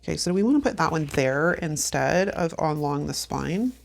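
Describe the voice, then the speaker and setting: In a casual plan-with-me chat, a planner vlogger in her fifties decorates her planner, sniffly from allergies, laughing often and talking to herself. Her low voice is animated with vocal fry, at normal speed.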